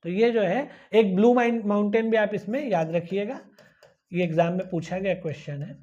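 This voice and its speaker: A woman's voice: mid-range voice, moderate pace, mellow. Woman teacher going over exam stuff, patient, repeats herself a lot, kinda muffled lo-fi audio. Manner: patient, repetitive, checks in with "ठीक है ना". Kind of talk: recorded lecture explaining a map. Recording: dull lo-fi recording.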